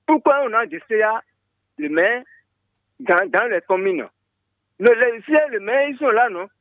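A man's voice: high voice, animated, a little slow, fairly bright tone, dry recording. A man calling in to a radio show, rambling and stumbling with many restarts. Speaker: caller. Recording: muffled phone line.

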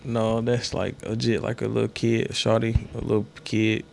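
A man's voice: on the low side, completely flat delivery, normal speed, gravelly, noisy background. A young man co-hosting a podcast, talking in a laid-back, slangy casual chat. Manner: laid-back, slangy, keeps saying "you know what I'm saying". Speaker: podcast co-host.

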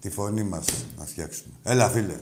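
A man's voice: lowish voice, darkish tone, reverberant, a little hiss or hum. A man hosting a sports call-in radio show, arguing with callers in a brash, crude, combative way. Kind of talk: heated call-in argument.

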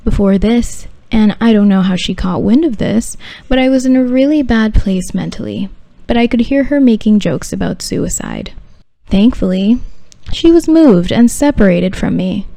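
A woman's voice: medium pitch, lively intonation, normal speed, vocal fry, warm tone, no echo. A woman hosting a podcast, telling scripted personal stories in a sultry, wry, arch delivery with no discernible regional accent. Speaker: podcast host.

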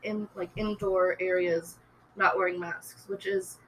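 A woman's voice: on the low side, sing-song, measured pace, fairly bright tone, slight background noise, rough recording. A young woman co-hosting a podcast, explaining a topic hesitantly with many ums and likes. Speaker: podcast co-host. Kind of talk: casual chat.

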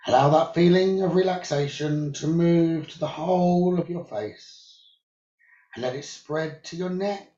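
A man guides a meditation in a slow, soothing instructional manner, using measured, hushed short phrases with pauses. His voice is on the high side and the audio sounds dull.

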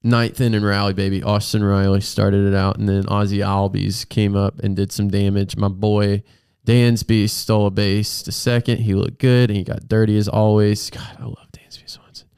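A man's voice: lowish voice, little pitch movement, moderate pace, hardly any pauses, a little mellow, clear, resonant tone, no room sound, clean studio sound. An American man hosting a casual, joking talk podcast with a froggy, congested voice from a sinus infection, speaking in an emphatic, self-deprecating way. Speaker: podcast host.

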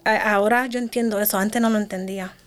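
This voice is a woman giving an emotional testimony in an interview. She talks fast, piling one detail on the next, and her voice often falls to a near whisper. Her pitch sits in the middle range. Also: steady tone, clean tone. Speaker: interview guest.

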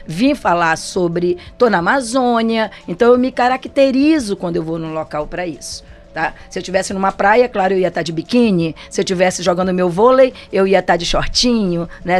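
A Brazilian woman giving a casual motivational talk as a business trainer, chatty and often checking in with her listeners. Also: medium pitch. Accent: Brazilian Portuguese. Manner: chatty, frequent tag questions. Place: studio set for a program.

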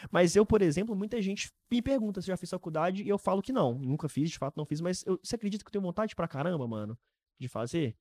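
A man in his early twenties with a Brazilian Portuguese accent, hosting a podcast in casual, animated, slangy chat. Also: sits high, fast, no room sound. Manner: animated, informal, heavy use of slang. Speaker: podcast host.

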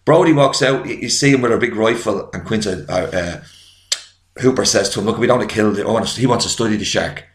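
A man from Ireland co-hosting a casual film chat, eager and quick to jump in. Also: lowish voice. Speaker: podcast co-host. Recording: echoey room.

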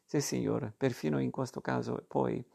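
Proud mocking father read by a man, gravelly and even-toned, storybook reading. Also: medium pitch, moderate pace. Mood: declaiming. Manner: declaiming, teasing.

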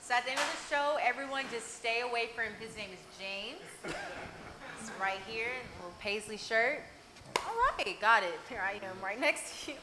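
A woman's voice: a little high, normal speed, noisy background. A woman with an American accent hosting a casual talk show, teasing her guests and putting questions to them playfully. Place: live show with an audience.

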